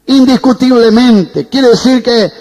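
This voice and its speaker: A male pastor delivers a fervent sermon in a very high voice. He keeps calling on the congregation for an amen. His words ring out with the long reverb of a hall. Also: unhurried, darkish tone. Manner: preaching fervently, asks for amens.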